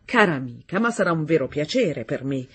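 A gallant male music teacher with a fervent, coaxing way of speaking, voiced by a woman. The tone is soft and breathy, and he urges his pupils on with warm insistence. It comes across as a lone voice reading a storybook. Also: low-pitched, big pitch swings, a little fast, exaggerated voice.

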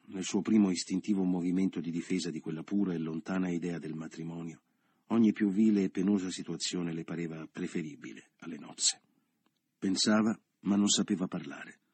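A man narrating a novel as an audiobook in a measured, literary way. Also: low-pitched, darkish tone, slightly rough, dry recording.

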